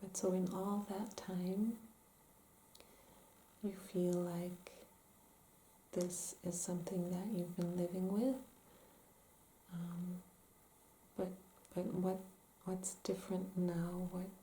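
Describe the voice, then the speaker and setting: A woman playing a calm, gentle therapist in an ASMR role-play, asking careful, hesitant questions in soft-spoken ASMR style. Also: fairly low pitch, takes it slowly, pauses often. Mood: calm, attentive. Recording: roomy echo, faint background noise.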